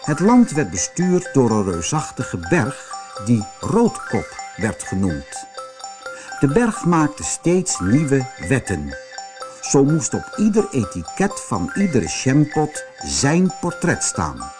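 A man narrating a children's storybook in an expressive, animated way. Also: medium pitch, takes it slowly, over music.

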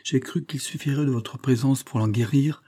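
A man's voice: mid-range voice, mellow, slightly rough, voice pushed up. A man voicing a grave, firm grandfather. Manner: measured, reasoning, firm. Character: grave, resolute grandfather, protective and calm.

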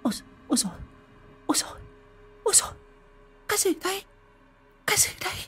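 A man voicing a fretful, shrill older village wife in a spoken ghost story. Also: very animated, measured pace, creaky, a little mellow, soft background music, exaggerated voice. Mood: alarmed. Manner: shrill, fussy, panicky.

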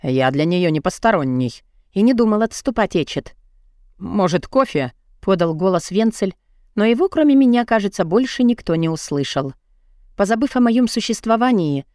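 Low-voiced woman reading an audiobook. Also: darkish tone, no room sound, studio quality. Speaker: audiobook narrator. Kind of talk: first-person scripted narration.

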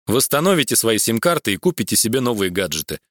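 A man voicing a gruff, scornful police officer, in a crime audiobook. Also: on the low side, big pitch swings, quick pace, no room sound, clean studio sound. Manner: scornful, dismissive.

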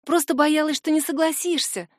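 A woman reading the lines of a gentle, hopeful young female mage who is a friend. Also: high-pitched, steady tone, moderate pace, dry recording, clean studio sound, pitched above the performer's own voice, lightly acted. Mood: gentle, cheerful.

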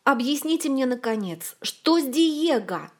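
A woman's voice: a little high, normal speed, darkish tone, voice pushed up, close to an everyday voice. A woman voicing a bewildered, exasperated young woman. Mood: shouting.

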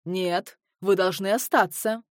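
A measured, formal badger who runs the hotel, voiced by a woman reading a storybook. He talks slowly and tries to reassure. The sound is dry and close. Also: mid-range voice, a little mellow, dry recording, close to an everyday voice. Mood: urgent. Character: badger hotel owner, male, formal and steady.

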